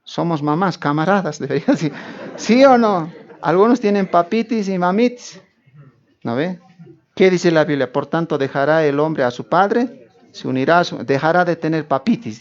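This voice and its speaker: A man with a slightly high voice preaches a Bible lesson like a chat, joking and teasing as he goes. He asks his listeners rhetorical questions and calls them brother. The recording is dull and lo-fi. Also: darkish tone. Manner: conversational and joking, often addressing listeners as brother. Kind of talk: Bible teaching sermon.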